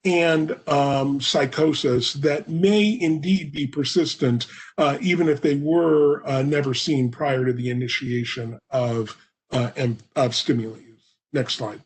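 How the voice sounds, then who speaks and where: This remote webinar lecture comes from a man with a steady, mid-range voice speaking into his computer's microphone. He's hoarse, coughs from time to time, and lays out his explanations at a measured pace full of fillers.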